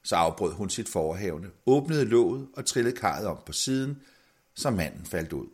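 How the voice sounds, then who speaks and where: A man narrating a fairy tale with expressive, sweeping intonation. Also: on the low side, slightly rough. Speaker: storyteller.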